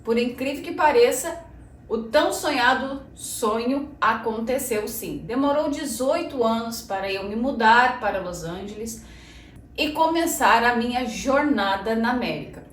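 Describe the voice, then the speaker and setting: A Brazilian woman in her thirties hosts a casual personal vlog in Portuguese, her voice a little high and a little slow with lively intonation. She chats straight to viewers, calling them "gente" and saying "né" often. She sits far from the mic in an echoey room, with faint noise.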